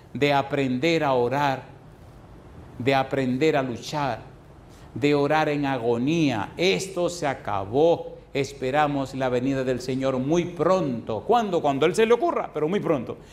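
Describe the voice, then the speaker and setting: A man preaching as a pastor, repeating phrases and asking the congregation rhetorical questions, swinging from soft slow passages to loud high emphasis. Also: lively intonation, slight background noise. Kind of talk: sermon.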